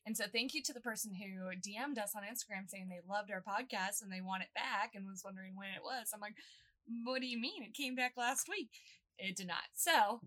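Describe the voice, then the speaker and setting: A woman's voice: mid-range voice, quick pace, few pauses, a bit bright. A woman co-hosting a casual podcast, playful and giggly. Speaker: podcast co-host, bookstore staff.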